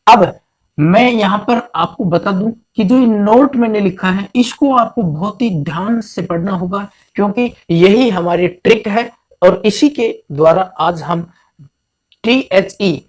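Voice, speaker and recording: A man from India teaching a grammar lesson, repeating each point slowly and mixing English terms into his Hindi. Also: high-pitched, a little mellow.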